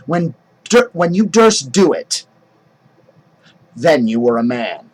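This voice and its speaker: A man reading a scheming noblewoman's speech aloud in his own husky voice, as a classroom demonstration. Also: on the high side, sing-song, slow, heavily acted, rough recording. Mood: measured. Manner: plain classroom reading of verse. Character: scheming noblewoman urging her husband.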